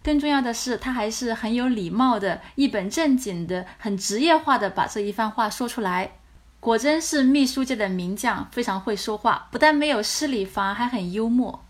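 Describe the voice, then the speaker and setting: A woman language teacher explaining dialogue from a drama scene line by line, in patient, animated explanations. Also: fairly high pitch, moderate pace.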